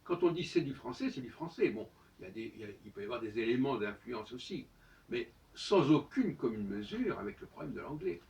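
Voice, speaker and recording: A man's voice: mid-range voice, sing-song, a little fast, creaky, darkish tone. A man giving a solo spoken monologue as host, lecturing with emphatic rhetorical questions. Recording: distant, dull lo-fi sound.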